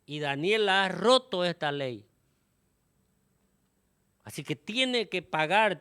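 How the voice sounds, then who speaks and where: A man preaching a sermon to his congregation, often tagging his phrases with a questioning "¿no?" and filling pauses with "este". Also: fairly high pitch, fairly bright tone, clean tone, no echo, studio quality.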